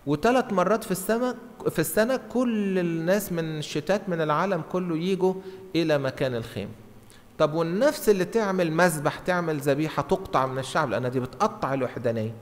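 A middle-aged priest with an Egyptian Arabic accent teaches an explanatory Bible lesson from a lectern in a large church, speaking fast in a slightly high, animated voice. He talks conversationally, acts out dialogue, and repeats short phrases for emphasis. A gooseneck lectern mic picks him up in a reverberant hall.

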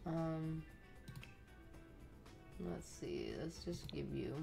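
A woman's voice: low voice, huge pitch swings, very slow, vocal fry, over music. A woman giving casual running commentary while playing a life-simulation game, chatting to the characters on screen. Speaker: let's play host.

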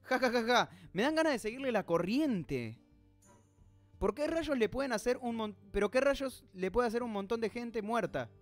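A man's voice: very high-pitched, expressive, moderate pace, soft background music. A man hosting a manga reaction, reading the panels aloud and stopping to puzzle over details and reply to chat comments.

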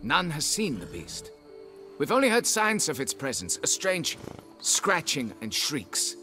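A pompous, haughty nobleman in a fantasy role-playing game, who looks down on the hired help and fusses over his title. His voice sits mid-range but swoops about with theatrical, lively pitch. Faint music plays behind him. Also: a little slow, exaggerated voice. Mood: grudging. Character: pompous snobbish middle-aged male nobleman, vineyard owner. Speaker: client hiring a witcher.

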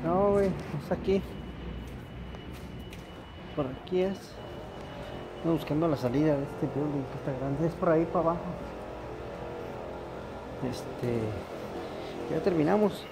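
Gravelly man vlogging on the move. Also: on the high side, unhurried, long pauses, background noise. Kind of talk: casual vlog chat on the move. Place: large building, then outdoors near traffic.

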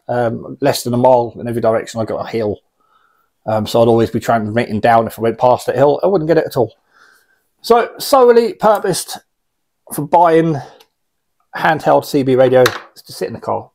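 Medium in pitch and a little mellow, a British man in his forties rambles through an unscripted review of radio gear, wry and blunt in tone. He's a radio hobbyist recorded in a small indoor radio room.

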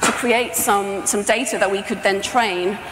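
Her voice is medium-pitched, steady, unhurried and fairly bright as this middle-aged sound artist talks through her project at a conference. Standing on stage before a projection screen indoors, she explains things conversationally, and the echoey hall carries faint background noise.

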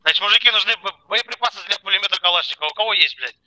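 A man's voice: sits high, racing, bright, forceful tone, dry recording. A man giving brusque, swearing commands as a squad leader over tactical game voice chat. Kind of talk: tactical voice chat during gameplay. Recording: noisy gaming voice chat with gunfire.

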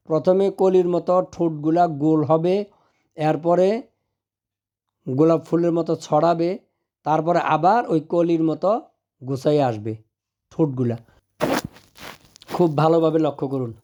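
A man teaching Arabic letter pronunciation, patiently explaining and drawing out each sound slowly. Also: a little high, warm tone. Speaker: madrasa teacher.

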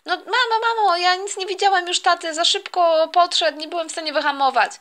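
A woman's voice: very high-pitched, steady tone, a little fast, sharp tone. A woman voicing a cheeky, defiant skateboarding boy in a toy play. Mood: defensive. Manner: defiant, then panicky.

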